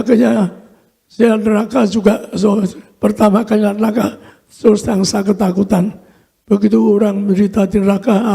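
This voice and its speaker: An older man, a pastor, giving a fervent sermon testimony in short halting phrases with a frequent "so". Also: high-pitched, creaky, mellow, husky.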